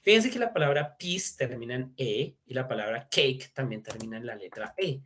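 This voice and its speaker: A man's voice: mid-range voice, animated, normal speed, fairly bright tone. A man teaching an online English class, chatty and mixing English phrases into his explanations. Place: video call.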